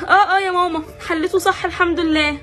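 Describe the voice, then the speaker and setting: A woman's voice: very high voice, fast talker. A woman voicing an anxious young Egyptian daughter who takes memory tests, with Egyptian speech. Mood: eager. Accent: Egyptian Arabic. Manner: expressive, nervous storybook acting.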